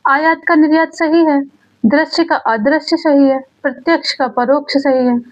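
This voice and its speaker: Woman, high-pitched, teacher, exam-prep grammar lesson, repeats key words, self-answering questions. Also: normal speed. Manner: asks a question, then answers it herself. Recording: dull lo-fi sound.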